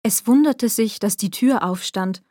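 Calm female storyteller, measured fairy-tale narration, dry read. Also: mid-range voice, no room sound.

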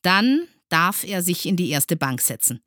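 Woman acting out a stern male schoolteacher, storybook, harsh barking commands, raised pitch, dry recording. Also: very animated, measured pace, fairly bright tone, no echo. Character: strict shouting male schoolteacher, stern and bossy. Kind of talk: storybook reading.

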